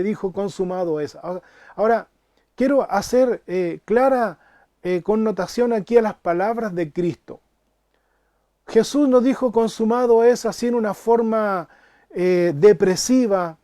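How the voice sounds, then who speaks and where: A man preaching a sermon as pastor, emphatic, repeating phrases and rising to loud cries on key words. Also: sits high, no room sound, studio quality. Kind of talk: sermon Bible study.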